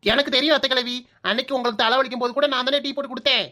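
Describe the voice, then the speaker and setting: A woman's voice: sits high, steady tone, rapid-fire, sharp tone. A woman voicing a cheeky, lazy young daughter-in-law in a comic cartoon, teasing her in-laws in a Kanyakumari Tamil accent. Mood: cheerful. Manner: teasing, mocking, brash.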